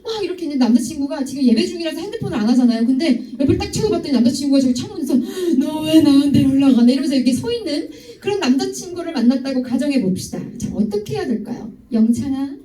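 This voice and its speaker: Young female youth preacher, high lively voice, distant and echoey. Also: very fast, hardly any pauses. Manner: lively, teasing, asks students directly. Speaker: youth ministry speaker. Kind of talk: youth sermon with stories. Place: church hall. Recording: echoey hall, voice from far off.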